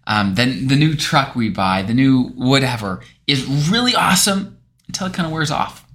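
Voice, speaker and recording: A man's voice: mid-range voice, lively intonation, normal speed, a bit bright. A man hosting his channel as a financial planner, telling a story in casual talk to camera, with restarts.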